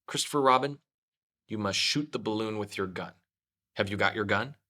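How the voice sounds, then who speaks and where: A man's voice: fairly low pitch, moderate pace, pushed and bright. A man voicing an earnest, solemn, slightly foolish toy bear in a children's storybook. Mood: anxious. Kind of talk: children's storybook read-aloud.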